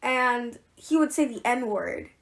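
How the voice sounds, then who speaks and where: A woman's voice: fairly high pitch, expressive, slow pace, creaky, fairly bright tone. A teenage girl co-hosting a podcast, chatting casually with lots of fillers and frequent laughter. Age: teens. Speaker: podcast co-host.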